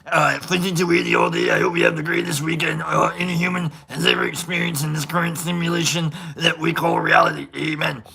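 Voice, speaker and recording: Gravelly cookie-hungry monster , a streamer doing the voice, low and rough, bright-edged, loud rowdy shout-outs. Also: big pitch swings, fairly quick, hardly any pauses, a little hiss or hum, exaggerated voice. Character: gravelly, greedy cookie-loving male puppet monster.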